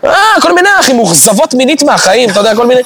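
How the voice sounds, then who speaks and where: A man's voice: very high voice, sing-song, a loud crowd. A man chatting casually on a podcast as a guest, a former preschool teacher who acts out quoted voices for comedy.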